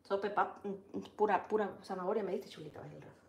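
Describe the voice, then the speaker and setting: A woman's voice: mid-range voice, fairly quick, creaky. A Salvadoran woman hosting a casual cooking show. She chats and teases, and calls out her food like a street vendor. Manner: chatty, teasing, calls out dishes like a street vendor. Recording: echoey kitchen with clattering dishes.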